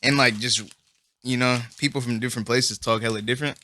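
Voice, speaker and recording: A man's voice: mid-range voice, steady tone, fairly quick, pushed and bright. A young man co-hosting a podcast, talking in loose, slangy banter and laughing often into a headset mic. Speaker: podcast co-host. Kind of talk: casual chat.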